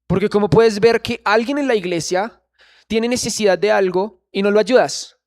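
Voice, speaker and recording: A man's voice: high-pitched, moderate pace. A man preaching a sermon in church, earnestly questioning the congregation.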